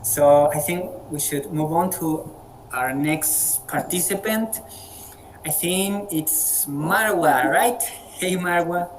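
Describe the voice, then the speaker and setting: A Colombian man with a high-ish voice and a Spanish accent moderates an English practice video call, a casual online group chat. He's friendly but halting, repeating words often. The rough recording carries slight background noise.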